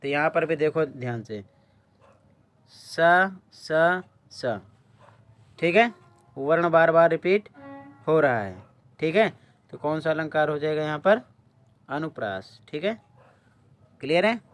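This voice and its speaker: Slow-talking man teaching a class. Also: fairly high pitch, lively intonation, dry recording. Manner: quizzes students, answers his own questions, often says "ठीक है"; clears his throat often. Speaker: Hindi teacher. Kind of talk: exam-prep lesson explaining answers.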